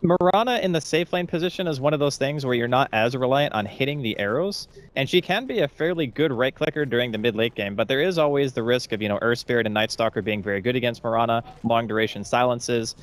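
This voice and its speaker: A man giving color commentary on an esports match, explaining strategy in a rapid, conversational way. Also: medium pitch. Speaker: esports analyst.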